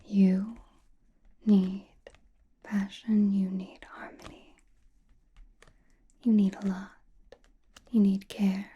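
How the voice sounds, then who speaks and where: A woman acts out a mysterious witch fortune teller in a soothing ASMR roleplay. She whispers in a very breathy, husky voice, calm and knowing. Her delivery stays slow and deliberate, with little rise or fall. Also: mid-range voice, highs cut off, exaggerated voice. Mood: soothing, intent.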